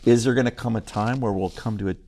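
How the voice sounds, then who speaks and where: A pastor with a British accent, a man telling stories animatedly in a casual studio conversation. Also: fast talker. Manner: animated storyteller, jumping pitch on punchlines. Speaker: pastor and guest.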